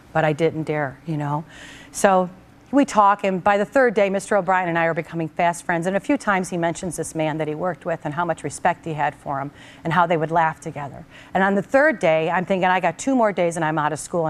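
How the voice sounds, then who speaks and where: Lower-voiced woman telling a heartfelt story. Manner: animated storyteller, acts out quoted voices. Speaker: talk show host. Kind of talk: personal storytelling on a talk show.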